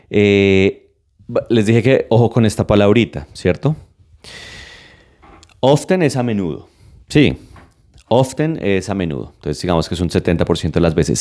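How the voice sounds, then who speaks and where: A man teaching an English lesson step by step, energetic and emphatic, with lively swings in his voice. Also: on the low side. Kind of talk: classroom-style lesson.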